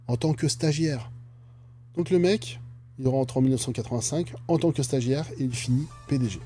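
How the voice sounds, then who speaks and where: A man's voice: mid-range voice, mellow, slight background noise. A man giving casual, chatty commentary on a company's stock, with jokey asides. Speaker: stock analysis YouTuber.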